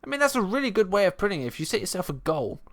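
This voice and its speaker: A young man hosting a live stream, chatting casually, laughing often, with sudden loud bursts. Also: sits high, sing-song, racing. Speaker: stream host.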